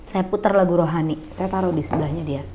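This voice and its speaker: A woman's voice: on the low side, fairly even intonation, fast, warm tone, slight background noise. A middle-aged woman speaks as a guest in a coffee bar, telling a heartfelt personal story. She talks earnestly and slips into other people's voices when she quotes them.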